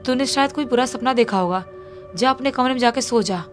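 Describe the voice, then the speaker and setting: A woman voicing a mother who calmly reassures her scared son. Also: a little high, brisk, over music, lightly acted. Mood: soothing. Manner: soothing, dismissive reassurance. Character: calm, soothing mother of a teenage son.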